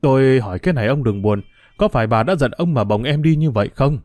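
A humble, anxious older boatman , as a male reader puts him on, deferential and quick to cry out in worry. The voice is warm and mellow and sits close and dry. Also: mid-range voice, animated, no echo, close to an everyday voice. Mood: worried. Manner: deferential, fretful exclamations.

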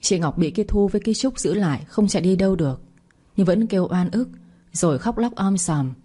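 A woman storyteller calmly narrating a bedtime audio story. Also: mid-range voice, brisk, slightly rough.

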